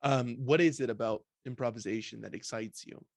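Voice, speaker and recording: A man hosting a podcast, asking questions in an easygoing, joking way with halting restarts. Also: medium pitch, vocal fry, no room sound. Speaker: podcast host. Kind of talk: casual podcast interview.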